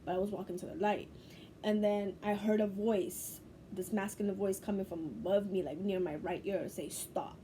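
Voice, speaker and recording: A woman's voice: mid-range voice, steady tone, moderate pace, mellow, a little hiss or hum. A young woman from Bangladesh, a spiritual teacher, telling a personal story to camera in a loose, profane, laughing way.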